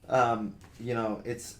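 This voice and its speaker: A young man co-hosting a podcast in casual discussion, talking earnestly with many fillers and restarts. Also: mid-range voice. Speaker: podcast co-host. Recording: roomy with faint noise.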